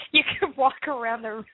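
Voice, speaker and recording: Husky joking woman over a phone-like line. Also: a little high, dry recording. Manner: joking and animated, laughs often. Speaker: radio host, podcast guest. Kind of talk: casual chat. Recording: tinny Skype call audio.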